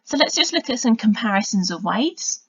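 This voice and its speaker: A woman's voice: fairly high pitch, sing-song, moderate pace, husky, dry recording. Woman teacher, dull lo-fi recording. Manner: patient and explanatory, with quiet muttered asides while drawing. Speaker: science teacher. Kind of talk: recorded video lesson narration.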